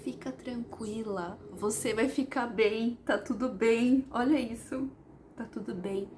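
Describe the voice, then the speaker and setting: A woman voicing a gentle, comforting spirit, speaking in a soft, hushed, reassuring murmur. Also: a little high, slow pace, slight background noise. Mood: soothing.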